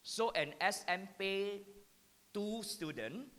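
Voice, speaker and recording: Speaking to teachers, a man with a Singaporean accent repeats key points and checks in with the audience by asking "yeah?". His high-pitched voice is slow and sharp, with lively intonation. He's an education speaker on a handheld mic in a hall with long reverb.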